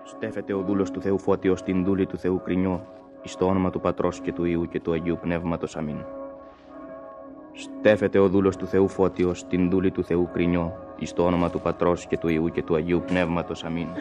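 An actor voicing a village priest who chants the wedding rite in a very deep, flat, even voice. Music plays beneath him in this radio drama. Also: male voice, close to an everyday voice. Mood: solemn. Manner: ritual chanting. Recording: music playing underneath.

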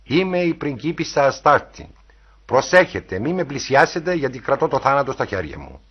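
A woman's voice: extremely low pitch, big pitch swings, breathy edge, muffled recording, heavily acted. A man reading a novel aloud, voicing a young woman who poses as a menacing goddess in a sing-song way. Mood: commanding. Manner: sing-song, commanding, later hysterical. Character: young woman playing a death goddess, eerie.

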